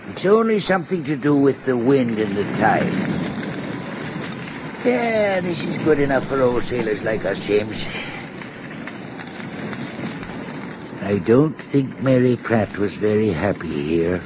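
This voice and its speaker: An actor playing a gruff, older retired sea captain, hospitable but evasive, in an old radio drama. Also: male voice, mid-range voice, big pitch swings, measured pace. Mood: uneasy, evasive. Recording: muffled, noisy old radio recording.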